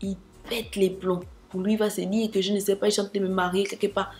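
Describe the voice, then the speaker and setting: A young woman shares a dramatic storytime vlog in an animated monologue, speaking straight to her audience and adding asides. Her mid-range voice is a little mellow and level in tone, moving fairly quickly over soft background music.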